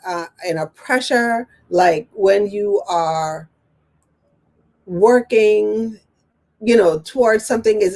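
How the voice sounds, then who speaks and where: A woman's voice: mid-range voice, gravelly. A woman coaching business owners on a live stream, chatty and encouraging, with lots of "okay" and "you know" as she answers viewer questions.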